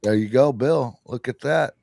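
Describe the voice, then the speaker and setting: A man's voice: mid-range voice, moderate pace, gravelly, a little mellow, no room sound. A man hosting a podcast, telling a rambling story in casual chat, interrupting himself and laughing often. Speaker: podcast host.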